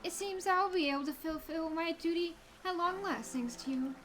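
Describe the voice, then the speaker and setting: Woman voicing a stately, high-voiced fantasy sage. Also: normal speed, a bit bright, faint music behind. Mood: grave, instructive. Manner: formal, archaic, grave. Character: stately, cryptic female sage from a fantasy game. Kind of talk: reading game dialogue in character.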